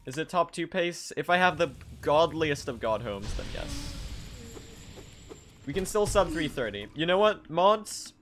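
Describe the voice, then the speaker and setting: Excitable young man streaming a speedrun. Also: a little high, measured pace, soft background music. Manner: excitable, pleading, talks to chat. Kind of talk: live-streamed game commentary.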